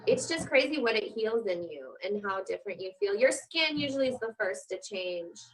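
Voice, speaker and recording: A woman in her forties chatting casually and telling animated stories, acting out the voices of people she quotes. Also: mid-range voice, normal speed, slight background noise, low-quality recording. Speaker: guest host. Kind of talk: casual chat.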